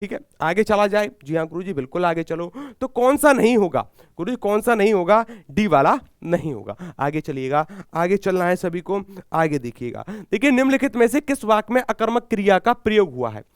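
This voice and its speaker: A man with a Haryanvi accent leads a live exam-prep class in a fairly high, clean voice. He fires questions at his students and answers them himself, repeating each key term. His throat is a little sore, and the sound is dry and close. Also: expressive, a little fast, few pauses, clean tone, no echo. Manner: repeats key words, calls himself guruji. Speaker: Hindi exam teacher.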